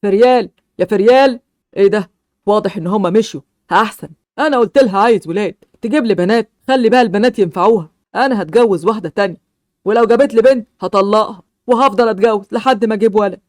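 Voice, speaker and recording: Voiced by a performer, a hard-headed middle-aged Egyptian father who cares only about having a son. He talks at a rapid clip, curt and stubborn. The voice is dry and close-miked. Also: mid-range voice, a little mellow, no room sound, natural voice. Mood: smug. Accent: Egyptian Arabic. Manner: blunt, stubborn, dismissive. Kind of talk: amateur animated-game movie voice acting.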